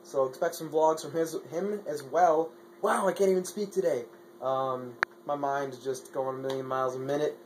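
A man's voice: fairly high pitch, steady tone, normal speed, background noise. A young man talking casually in a vlog, rambling with lots of fillers and stumbling over his words. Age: young adult. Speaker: vlogger. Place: Madison, Wisconsin, partly outdoors.

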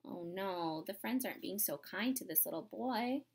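A woman in her thirties, medium-pitched and husky, reads a picture book to children at a moderate pace in a small room at home. Her expressive reading includes dramatic emphasis, chatty asides and questions directed at the kids.

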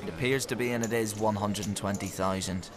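A man's voice: lowish voice, a little fast. Jokey male poker commentator. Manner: lively, jokey and emphatic. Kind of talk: live sports commentary. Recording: crowd noise in the venue. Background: crowd noise.

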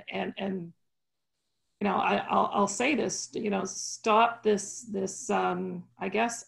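A woman in her sixties, speaking on a panel over a video call from a home office, measured and earnest with many fillers. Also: mid-range voice, vocal fry, darkish tone. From Canada.

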